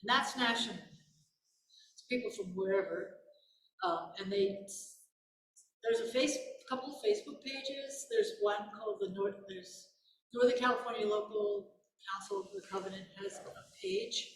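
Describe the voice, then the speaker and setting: A woman's voice: medium pitch, normal speed. Older woman talking in an echoey hall. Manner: rambling, with many restarts and self-corrections. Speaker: guest speaker on her faith. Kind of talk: casual Q&A talk. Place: big empty live room. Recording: echoey room, voice far from the mic.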